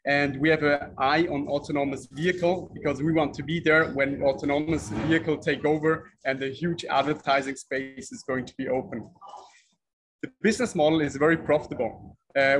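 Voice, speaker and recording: A man giving a business pitch presentation as a startup founder. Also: rough recording. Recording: faint background noise.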